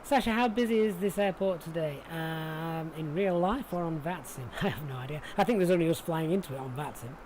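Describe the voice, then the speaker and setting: Streaming a flight simulator, a man from Sheffield chats casually with viewers in a Yorkshire accent, thinking aloud as he goes. His slightly high voice runs a little fast with few pauses and a darkish tone. Background noise is clearly audible.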